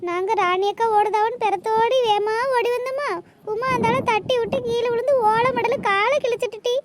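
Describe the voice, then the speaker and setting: A woman's voice: very high-pitched, fairly even intonation, moderate pace, very noisy. A woman voicing an argumentative village woman in a cartoon. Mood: defensive. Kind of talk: cartoon voice acting.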